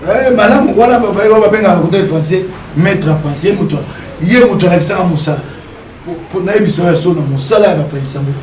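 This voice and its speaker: A man's voice: sits high, brisk, a little mellow, reverberant, recorded from a distance, a little hiss or hum. A man, talking as an interview guest, emphatic and repeating his rhetorical questions. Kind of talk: animated interview talk, mixing French and Lingala.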